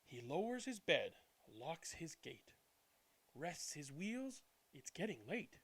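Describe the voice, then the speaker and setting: A man narrating a children's bedtime storybook in an expressive, deliberate way. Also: on the high side, vocal fry, breathy edge. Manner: animated, deliberate reading with hushed good nights. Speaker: read-aloud channel host.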